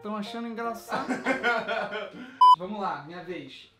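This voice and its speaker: Animated young Brazilian man hosting. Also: high voice, normal speed. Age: young adult. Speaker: host. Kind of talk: excitable casual banter with friends. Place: bedroom, indoors. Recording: echoey room with music behind.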